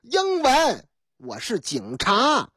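A woman voicing a smooth-talking phone con man who fakes a Shanghai accent and poses as a policeman. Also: fairly high pitch, huge pitch swings, very slow, a bit bright, dry recording, studio quality, exaggerated voice. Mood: wheedling. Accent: put-on Shanghai.

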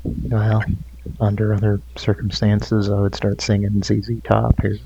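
A man's voice: lowish voice, monotone, a little slow, gravelly. A man chatting casually as a call-in guest, his voice muffled as if he were inside a zipped-up sleeping bag, checking how he sounds. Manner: checks his own sound, laid-back. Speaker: guest joining the stream call. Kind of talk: casual chat. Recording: muffled lo-fi line with hiss.

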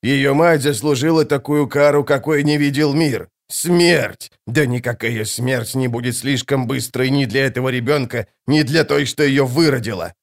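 A man voicing a very old, fanatical woman seer who hisses her words slowly and fervently. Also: mid-range voice, natural voice. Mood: hissing. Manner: slow, hissing, fervent.

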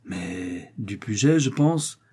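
A man's voice: lowish voice, expressive, slow pace, breathy edge, exaggerated voice. A man voicing a furious jealous nobleman. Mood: tense. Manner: tense, alternately hushed and enraged.

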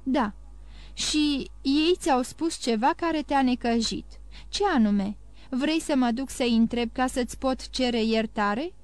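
A loving young granddaughter, anxious and tender, pleading as she asks question after question, as a woman reads her in an audiobook. Her voice sits high and lifts higher with worry. The recording is close and dry. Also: darkish tone, no room sound, close to an everyday voice. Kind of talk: audiobook reading.

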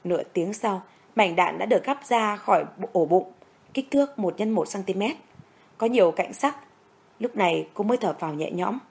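A woman reads a dramatic story aloud in a steady, scripted narration. Her delivery is even and dramatic and stays in the middle of the pitch range for a woman. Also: moderate pace, vocal fry.

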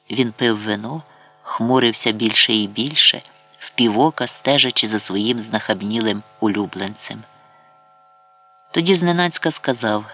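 A man narrates a historical novel for an audiobook. His voice sits at a middle pitch, and he reads in a measured, expressive way.

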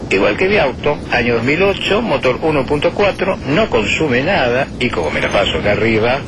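A man's voice: medium pitch, sing-song, a little fast, noisy background. A man playing an airline captain making a cabin announcement to passengers in a radio advert. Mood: calm, official. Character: airline captain addressing passengers, boasting about his car.

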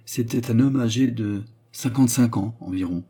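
A man's voice: medium pitch, normal speed, dark tone, breathy edge, close to an everyday voice. A man reading aloud, playing a good-hearted young workshop owner in an earnest, friendly way. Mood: kindly.

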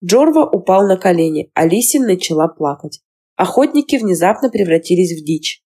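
A woman reading a fantasy novel aloud as scripted narration, in an even, measured delivery. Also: on the low side, slightly rough. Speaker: audiobook narrator.

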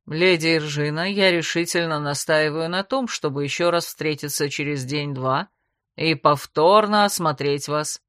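A woman doing a worried, protective noble father from a fantasy audiobook, his voice dropped low and his words formal and careful. He speaks gently, the sound dry and close. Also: normal speed, no room sound. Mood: concerned. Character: caring older nobleman father, anxious mage.

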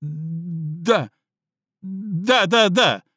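A man voicing a terrified male dog-man captive, his voice shrill and breaking with fear and pain. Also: drawn-out words, pushed and bright, no echo, studio quality, exaggerated voice.

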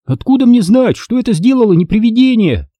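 A timid, excitable little boy who is sure the house is haunted, as a man reading a storybook puts him on. He pleads and insists in a high, lively, eager whisper with a husky edge. The sound is dry and close. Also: a little fast, dry recording, heavily acted. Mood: insistent.

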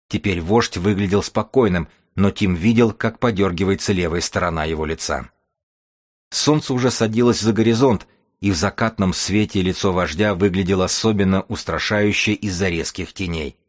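A man narrating an audiobook in a steady, grim storytelling manner. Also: deep voice, no echo, studio quality. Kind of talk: scripted narration.

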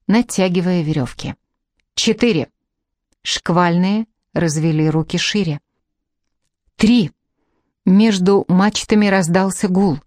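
A woman narrating a fantasy novel in the first person, in a measured storytelling manner. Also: lowish voice, a little mellow, no echo, clean studio sound. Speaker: audiobook narrator.

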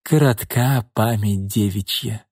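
Man playing a storybook pimp, sneering, menacing, husky, dry. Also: sing-song, unhurried, darkish tone, no echo. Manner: sneering, mocking, low menacing threats. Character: menacing smug middle-aged pimp and thug.

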